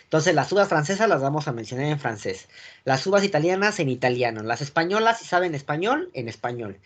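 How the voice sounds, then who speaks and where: A man with a Mexican accent teaching a class, often checking that students follow and filling pauses with "este". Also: fairly high pitch, sing-song. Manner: keeps checking the class follows, asking "sale?"; frequent filler "este" and restarts. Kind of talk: classroom lecture. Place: classroom with a board.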